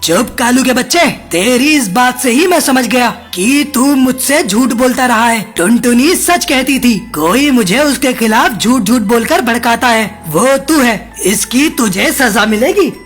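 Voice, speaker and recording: A woman voicing a hot-tempered male crow in a cartoon, gruff and blustering. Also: fairly high pitch, big pitch swings, a little slow, a bit bright. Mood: angry. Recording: cartoon with background music.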